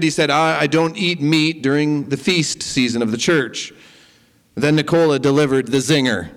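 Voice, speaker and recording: A man preaching a sermon and leading prayer, speaking deliberately with prayerful pauses. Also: mid-range voice, long reverb tail. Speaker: pastor.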